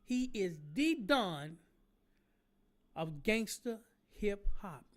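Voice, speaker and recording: A man in his forties giving a heated, streetwise monologue to fans. He ends phrases with "man" and "understand?" and swings from low murmurs to loud, preachy outbursts. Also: big pitch swings, drawn-out words. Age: 40s.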